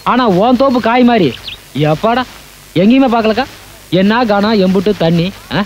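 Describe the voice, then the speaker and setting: An actor playing a cheeky, hard-drinking village coconut climber who talks with cocky bluster. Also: male voice, high-pitched, normal speed, a little mellow, slight background noise, lightly acted, rough recording. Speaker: film actor.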